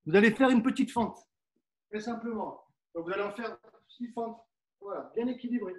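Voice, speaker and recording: A man's voice: sits high, moderate pace, a little mellow. A middle-aged man coaching a live fencing workout class, instructive and coaxing, often adding "hein" as he demonstrates and sometimes moves away from the mic.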